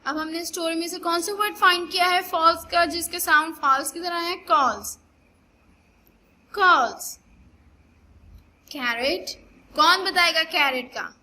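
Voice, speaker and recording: High bright slow-drilling woman teacher. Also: a little hiss or hum. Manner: mixes Hindi and English, repeats words slowly to drill pronunciation. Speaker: primary school English teacher. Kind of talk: online class lesson. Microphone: recorded for online video.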